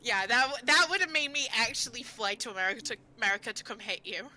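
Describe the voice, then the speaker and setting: Bright, high-voiced female player. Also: quick pace. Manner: expressive, swears, laughs, reacts loudly. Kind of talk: casual tabletop play.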